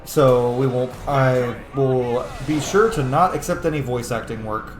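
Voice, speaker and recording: A gaming streamer and content creator, a man with a mid-range voice, speaks a little slowly in casual let's play commentary. He rambles in asides and playfully exclaims at the game's characters, and his audio echoes in the room beneath loud video game music.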